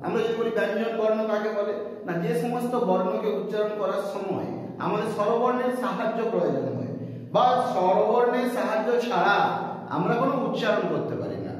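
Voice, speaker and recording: A man teaches a grammar lesson in a slow, deliberate way, pausing as he goes. His voice sits high for a man. He is far from the mic, and a long, roomy echo hangs on every word. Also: expressive. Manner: slow, deliberate explaining with pauses. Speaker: English teacher. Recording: echoey room from far off.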